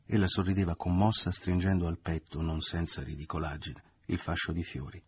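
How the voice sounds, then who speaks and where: A man narrating a novel in a measured literary reading. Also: low voice, flat delivery, breathy edge, no room sound. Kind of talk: audiobook reading.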